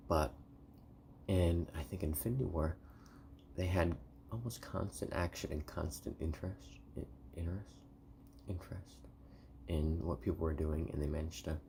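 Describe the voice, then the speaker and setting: A man speaks in a hushed, very low voice with a gravelly edge, often slipping toward a whisper. He rambles through a soft-spoken ASMR review, halting and rewording as he goes. The tone stays dark and mellow. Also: slight background noise. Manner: rambling, halting, repeats and rephrases himself. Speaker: video reviewer.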